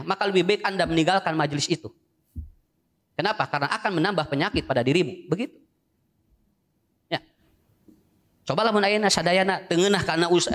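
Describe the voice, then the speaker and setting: Sundanese guy preaching, high voice, lots of jokes and storytelling. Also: a bit bright. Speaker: Islamic preacher. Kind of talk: sermon.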